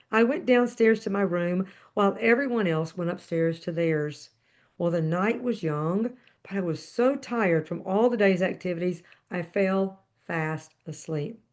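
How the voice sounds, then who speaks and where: A woman hosting a podcast, reading a book aloud with short asides to her listeners in a measured, expressive storytelling manner. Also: medium pitch. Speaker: podcast host.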